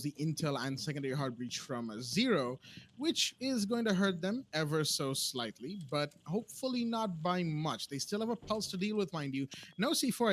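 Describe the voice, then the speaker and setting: A man doing play-by-play esports commentary who gets excitable and loud when the action picks up. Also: slight background noise. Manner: excitable, voice jumps high in big plays. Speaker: esports caster.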